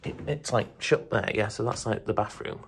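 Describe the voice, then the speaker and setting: A musician in his twenties on tour vlogs casually to a handheld camera, chatty and jokey, moving through a van, a hotel room and a small venue. His fairly low voice is creaky and at normal speed, captured as noisy handheld phone audio from a phone or camera on a grip.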